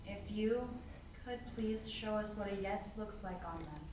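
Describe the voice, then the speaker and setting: Brief: woman in her 20s, calm questioner, far from the mic, very echoey room with steady noise. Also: medium pitch, unhurried. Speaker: ghost-hunt team member. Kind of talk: calling out to spirits. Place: large old building indoors at night.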